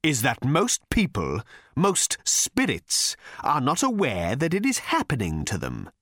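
A man voicing a vengeful, reincarnated male creature in an audiobook, rasping, hissing and bellowing with slow menace. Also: wildly swooping pitch, a bit bright, no room sound, clean studio sound, heavily acted. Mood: menacing. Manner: slow menacing rumble rising to shrieks. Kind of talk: audiobook character voice.

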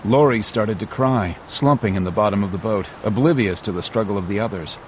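Male narrator, lowish pitch, measured dramatic storytelling, scripted adventure, noisy rumbling background.

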